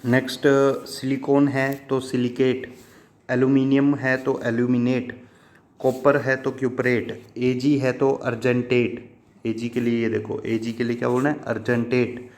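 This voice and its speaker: A man's voice: mid-range voice, little pitch movement, normal speed, darkish tone. Patient male chemistry teacher. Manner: patient, repetitive, asks and answers own questions; addresses listeners fondly as children. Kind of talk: classroom lesson explanation.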